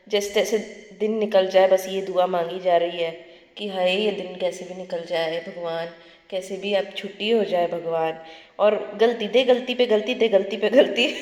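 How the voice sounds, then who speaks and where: Young Indian woman vlogging in an echoey room. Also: mid-range voice. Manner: lively, chatty storytelling that often breaks into laughter. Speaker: student vlogger. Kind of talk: casual vlog monologue. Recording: echoey room with long reverb.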